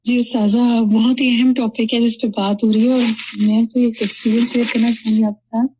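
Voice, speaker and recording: A high-pitched woman speaks earnestly in a religious class discussion, sharing a story as a student and dropping English phrases into her talk. Her tone is mellow and warm. The recording is dull and lo-fi. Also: little pitch movement, brisk, a little hiss or hum.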